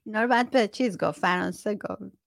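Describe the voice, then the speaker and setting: A woman's voice: medium pitch, vocal fry, no room sound, studio quality. A woman chatting casually with her viewers about self-awareness, reading out their comments and laughing often. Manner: chatty, laughs often, mock-strict imitations.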